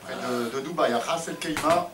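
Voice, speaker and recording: A man's voice: mid-range voice, moderate pace, noisy background. A man giving live combat sports commentary for a broadcast. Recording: echoey, distant, loud music behind.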